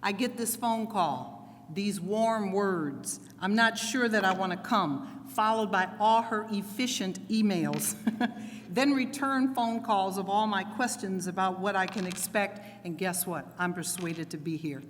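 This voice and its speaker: A middle-aged woman giving a lively keynote speech, playfully leading the audience in call-and-response. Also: medium pitch, a little slow. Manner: energetic, playful, commanding the crowd. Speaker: keynote speaker. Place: large hall with audience. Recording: long hall reverb, faint crowd noise.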